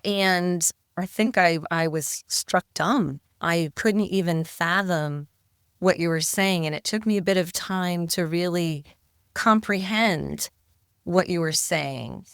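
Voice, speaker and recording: Middle-aged woman guest, lowish pitch, smooth tone; reflective, hesitant. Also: takes it slowly, a bit bright, no room sound, studio quality. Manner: reflective, hesitant with repeated words. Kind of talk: interview storytelling.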